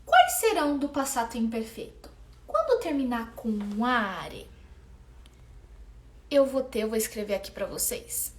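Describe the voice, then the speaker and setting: Woman, language teacher, higher voice, patient step-by-step explaining, live class. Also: sing-song. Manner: explains patiently, sounds out conjugations slowly. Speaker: Italian teacher. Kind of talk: live online lesson.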